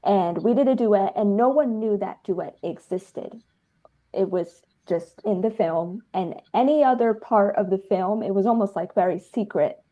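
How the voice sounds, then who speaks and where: Speaking with phone-quality sound, this New Jersey woman in her 30s talks in an unhurried, mid-range voice. She's a filmmaker and dancer in a casual interview, and her delivery is emphatic and effusive.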